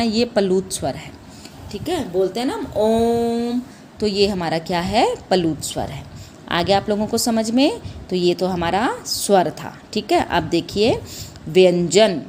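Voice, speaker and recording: In this classroom lesson, a young primary school Hindi teacher stretches out sounds to demonstrate them, patiently repeats "ठीक है," and turns questions back to the kids, whom she addresses as "बेटा" and "बच्चों." Her mid-range voice has a darkish tone, and there's slight background noise.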